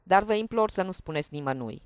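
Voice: medium pitch, animated, no room sound, lightly acted. A narrator voicing a frightened policeman's wife who begs for secrecy in an audiobook reading. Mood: pleading. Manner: pleading, anxious.

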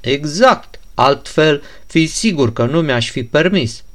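A man voicing a calm, polite young prince who answers in an even, courteous tone in a storybook reading. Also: a little high.

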